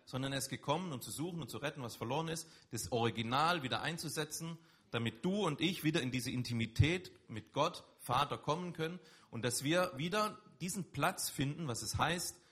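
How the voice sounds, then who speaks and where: Male preacher, husky voice, chatty but emphatic sermon delivery. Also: on the high side, brisk, a bit bright. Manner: conversational, emphatic preaching with rising stresses.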